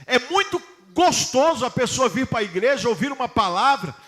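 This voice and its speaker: A pastor preaching a sermon to his congregation, putting questions to them emphatically and reading scripture slowly. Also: very high voice, very animated, fairly bright tone.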